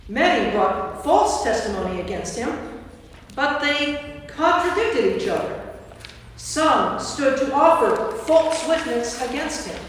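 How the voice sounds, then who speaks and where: A woman narrator, also described as a priest, reads scripture from a script in a staged church reading, her slow, expressive voice sitting high. The church is very echoey, the mic is placed at a distance, and there's faint noise.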